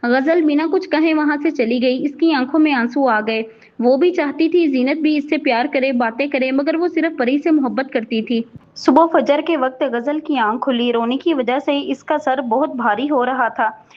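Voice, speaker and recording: A woman with a high voice narrates a novel in a steady, even way, as in scripted audio storytelling. The recording sounds dull and lo-fi. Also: moderate pace.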